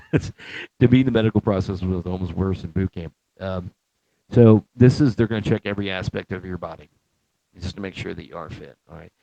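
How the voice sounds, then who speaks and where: Gravelly low-voiced man telling stories. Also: mellow, no room sound. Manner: rambling, profane, chuckling. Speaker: Marine veteran recounting boot camp. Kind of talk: casual storytelling to camera. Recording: dull lo-fi, dry.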